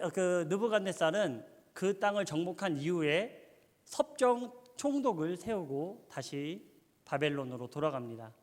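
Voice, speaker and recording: A man preaching a sermon, telling a story with animation and quizzing his audience. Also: a little high. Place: church. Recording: long church hall reverb.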